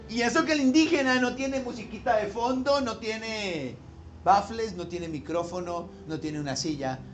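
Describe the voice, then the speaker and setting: Animated high-voiced preacher. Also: male voice, moderate pace, slight background noise. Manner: animated preaching, rising to loud emphatic peaks, asks the congregation questions. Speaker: pastor. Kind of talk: sermon.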